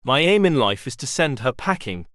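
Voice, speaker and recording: A man's voice: medium pitch, sing-song, normal speed, fairly bright tone, no echo, clean studio sound. A man doing a cocky, mocking schoolboy. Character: cheeky boy who mocks a strict teacher.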